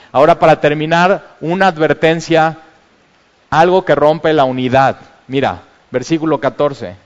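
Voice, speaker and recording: A man preaches a sermon with a high voice. He talks in an urging, animated way and bursts into exclamations when he tells a story. His voice rings through a hall with a long reverb. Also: dull audio. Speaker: pastor.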